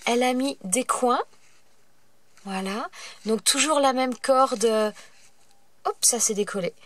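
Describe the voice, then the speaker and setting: A woman's voice: on the high side, slow pace. Chatty woman with a stuffy cold. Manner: chatty, full of fillers and delighted exclamations. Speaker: craft channel host. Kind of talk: casual mail-opening vlog.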